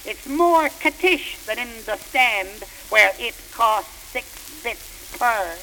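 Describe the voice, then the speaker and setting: Excitable young male ballpark fan, put on by a woman, old-time slang, bright tone, faint noise behind. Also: a little high, takes it slowly, full character voice, rough recording. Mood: boastful. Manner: old-time slangy dialect, shouting at the field. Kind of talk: comic poem recitation.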